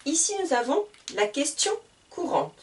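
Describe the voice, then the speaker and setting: A woman from France gives a beginner language lesson at a very slow, careful pace, repeating each example sentence word by word. Her fairly high voice rises and falls in a lively way. She sounds set back from the microphone. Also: recorded from a distance. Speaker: French teacher.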